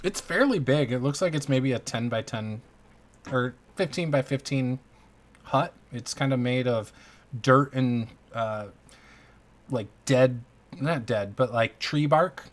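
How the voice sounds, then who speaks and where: A man improvising narration as the game master of a tabletop game, halting and informal as he searches for words. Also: medium pitch.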